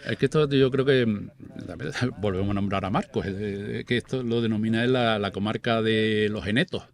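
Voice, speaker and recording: A man's voice: fairly low pitch, normal speed, gravelly. A man with a Canarian Spanish accent, a podcast guest in casual conversation who recounts anecdotes and memories of local people. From Canary Islands.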